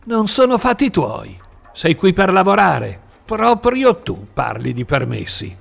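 A man voicing an angry older Italian work boss who shouts and bullies, in a spoken audiobook. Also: medium pitch, animated, a little slow, creaky, slightly rough, heavily acted. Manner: shouting, bullying. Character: furious older Italian boss of a logging job.

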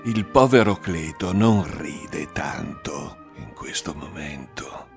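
A man's voice: on the low side, very animated, moderate pace, faint music behind. A man voicing a tough, commanding male police commissioner who snaps out clipped orders. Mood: dry, accusing. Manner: barking orders, clipped and forceful.

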